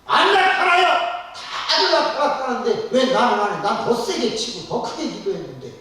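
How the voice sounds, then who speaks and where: A man playing a blunt middle-aged churchgoing wife, quoting her in an exaggerated high voice. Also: slow pace, a little mellow, natural voice. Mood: complaining. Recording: echoey church hall from far off.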